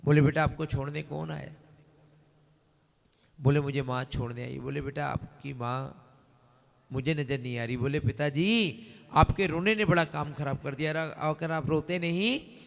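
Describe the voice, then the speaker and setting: High, gravelly devotional storyteller man. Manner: calls on the crowd to raise hands and respond; switches into long drawn-out singing. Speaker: devotional storyteller at a night vigil. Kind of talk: devotional storytelling with sung verses. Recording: long reverb of a hall.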